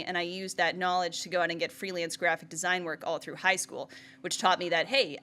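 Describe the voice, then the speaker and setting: A woman's voice: on the low side, fairly bright tone. A woman in her thirties from Vermont gives a presentation. She speaks in a chatty way, with lots of "like" and "right?", and laughs often. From United States (Vermont). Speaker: entrepreneur giving a presentation. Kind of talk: presentation talk.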